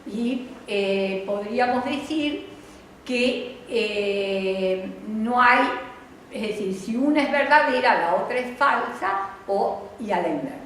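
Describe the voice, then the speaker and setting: An older Argentine woman delivers a conference lecture in a slow, measured way, pausing often to think. Her voice sits a little high for a woman. It is heard in a very echoey hall with a faint hiss of background noise. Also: fairly bright tone. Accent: Argentine Spanish. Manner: slow, deliberate, frequent hesitations. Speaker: linguistics lecturer.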